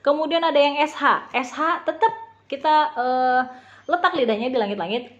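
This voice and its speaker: A woman teaching a beginner language lesson, patiently spelling out sounds and repeating them slowly. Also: sits high, a bit bright, dull audio.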